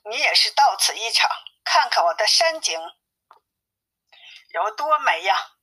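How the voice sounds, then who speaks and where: A woman reading the lines of a proud, carefree male monkey king in an audiobook story, in a brisk, offhand manner. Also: on the high side, sing-song, sharp tone, slightly rough, heavily acted, low-quality recording.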